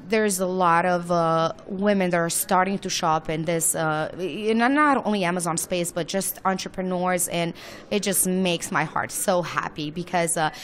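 A woman from Romania with a Romanian accent, talking enthusiastically as an interview guest, with many fillers. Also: fairly low pitch. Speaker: guest, launch service owner. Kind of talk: casual interview.

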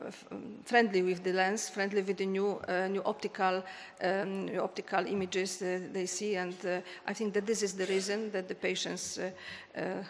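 A woman at a conference podium answering questions hesitantly, with many pauses and fillers. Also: mid-range voice. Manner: hesitant, many fillers, non-native phrasing. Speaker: eye surgeon speaker. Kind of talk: panel discussion answers. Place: large conference hall stage at a podium. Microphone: podium microphone. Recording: long hall reverb, faint noise.

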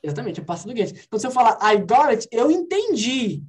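Over a video call, a woman with a rather high, sing-song voice teaches an English conversation class, explaining phrases and slowly repeating English examples.

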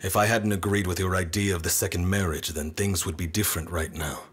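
A man's voice: sits low, fairly even intonation, a little fast, fairly bright tone, breathy edge. An actor playing a proud, resentful son in his thirties in a TV drama. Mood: resentful, appeasing. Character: proud, resentful adult son seeking to return home.

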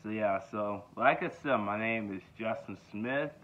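In an easygoing self-introduction vlog, a man in his twenties from Georgia, USA wanders from thought to thought, leaning on fillers and saying yeah again and again. He speaks unhurriedly in a slightly low voice. Shot in a small bedroom on a phone held close at arm's length, the audio is narrow and tinny, much like a phone call.

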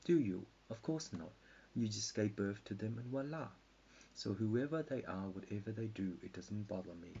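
Tired gravelly man rambling. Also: lowish voice, lively intonation, moderate pace, dark tone. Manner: meandering mock-lecture, dips into whispers. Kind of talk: rambling pseudo-scientific monologue. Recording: dull lo-fi with faint hiss.

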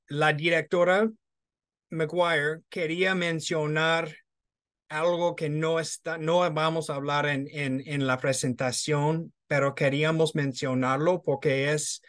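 A middle-aged man, a native English speaker with American-accented Spanish and occasional Madrid pronunciation, presenting haltingly in a webinar on a video call. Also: on the high side, fairly bright tone, smooth. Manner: halting, hesitant non-native delivery. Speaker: education agency presenter. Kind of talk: webinar presentation, translating prepared answers.

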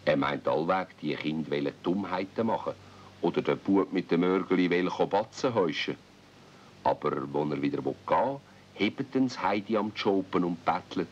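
A man with a Swiss accent narrates a children's radio play as a storyteller, speaking at normal speed in a low-sitting voice. It sounds like an old cassette recording, dull and faintly noisy.

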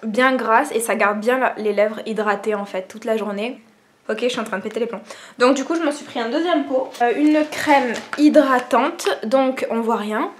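A woman's voice: fairly high pitch, normal speed, a little hiss or hum. Chatty young woman vlogging at home. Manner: rambling, self-mocking, many fillers. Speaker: beauty vlogger. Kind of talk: casual chatty vlog. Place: at home indoors. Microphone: camera propped on cushions.

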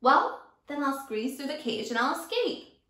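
A little boy, quietly brave, counters every threat with a fanciful plan, voiced by a woman reading aloud. The tone is high and bright, and the room echoes. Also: moderate pace, heavily acted. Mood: playful. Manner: calm, imaginative comebacks.

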